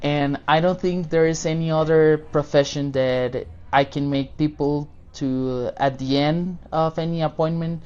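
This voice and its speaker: A man's voice: on the high side, steady tone, a little slow, few pauses, a little mellow, clean tone, highs cut off. A man, a guest chatting casually and informally about his work. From Costa Rica. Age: 20s. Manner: friendly, informal, loose non-native phrasing. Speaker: podcast guest, dentist. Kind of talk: casual interview answers.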